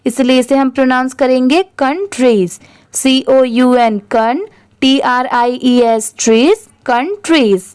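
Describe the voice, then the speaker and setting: A woman's voice: sits high, a little mellow, smooth, no echo, studio quality. A woman teaching English reading who spells words out letter by letter and then blends them into whole words. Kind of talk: slow spelling-out reading lesson.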